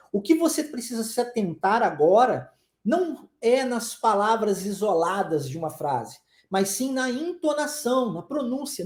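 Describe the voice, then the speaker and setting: Female teacher, mellow tone, casual and laughing, reads out viewer comments; roomy echo on the recording. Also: on the high side. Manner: chatty, laughs often, checks in with "ok?" and "tá?". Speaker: English teacher. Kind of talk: live online language lesson.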